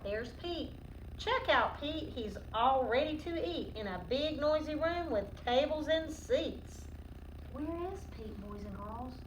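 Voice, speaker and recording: A woman teacher reads a picture book aloud to children, teaching and asking questions in a sing-song manner. Her voice is high and slow with lively intonation. The recording is roomy, from a distant mic, with noticeable background noise.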